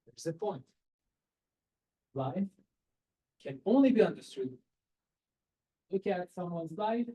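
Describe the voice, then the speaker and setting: Speaking slowly with long pauses, this man from Iran has a high, mellow, slightly rough voice with lively intonation. He gives students earnest, direct career advice in a video-call seminar, using rhetorical questions and non-native phrasing. The webcam recording is low quality.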